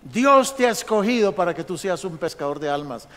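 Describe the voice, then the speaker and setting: High-voiced pastor in echoing church. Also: male voice, brisk. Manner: lively anecdotal storytelling, acting out dialogue. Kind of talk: storytelling sermon. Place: large church sanctuary. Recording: long church hall reverb.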